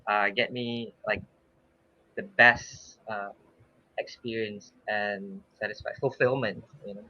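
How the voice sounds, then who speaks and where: In an unhurried, fairly low voice that sounds pushed and bright with little pitch movement, a Malaysian man in his thirties, a swimming coach, chats in a casual podcast interview. He's relaxed, uses lots of fillers and laughs occasionally, all on a dull lo-fi recording.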